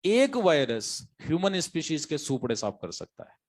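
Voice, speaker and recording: A man's voice: on the high side, big pitch swings, moderate pace. A man teaching biology to exam students, an emphatic lecturer who repeats key phrases and quizzes his class.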